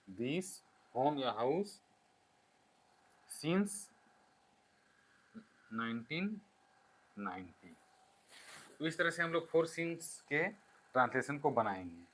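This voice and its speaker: A man teaching a grammar lesson, explaining slowly step by step and dictating example sentences. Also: mid-range voice, a bit bright, rough recording.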